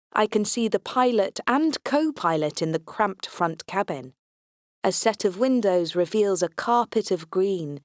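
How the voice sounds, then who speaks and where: A woman's voice: medium pitch, no room sound. A woman reading an audiobook in first person, with a dry, wry, understated delivery. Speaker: audiobook narrator. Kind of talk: first-person scripted narration as a robot agent.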